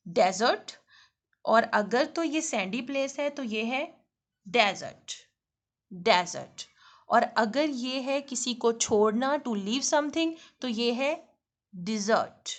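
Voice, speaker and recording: Slow, patient woman teaching pronunciation. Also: on the high side. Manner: repeats each word slowly and deliberately; patient, plain explaining with frequent fillers. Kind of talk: tutorial explanation.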